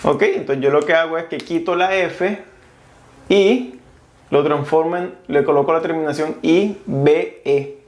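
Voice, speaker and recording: A man's voice: a little high, a little slow, roomy sound. A man teaching a casual video lesson, explaining grammar rules step by step and spelling out letters. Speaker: French teacher.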